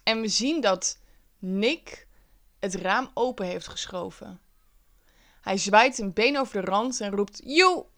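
A woman who now works as a teacher, telling a personal story in a wry, lively, self-mocking way. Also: mid-range voice, slow, long pauses.

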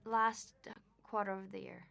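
A woman's voice: medium pitch, little pitch movement, moderate pace, creaky, bright, forceful tone. A woman co-hosting a casual podcast at home, talking in a chatty, rambling way with lots of "like" fillers. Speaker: podcast co-host. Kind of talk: casual chat. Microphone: desk microphone.

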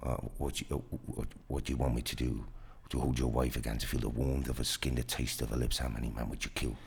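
Menacing tempter, as a man puts him on, very low, slow, insinuating. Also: level tone, vocal fry, slightly rough, exaggerated voice. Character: menacing tempter offering a lost wife back.

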